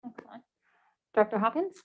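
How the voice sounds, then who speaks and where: A woman chairing a public board meeting, briskly calling on members one by one and adding her own remarks. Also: a little high, expressive. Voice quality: creaky, gravelly. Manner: brisk, calls on speakers one by one, then chats. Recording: muffled meeting-room audio.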